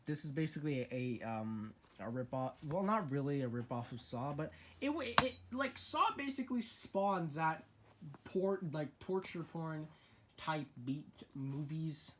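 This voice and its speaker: A man's voice: on the high side, fairly bright tone, slight background noise. A young man in a casual vlog, talking through his horror movie collection in an opinionated, chatty way with frequent restarts.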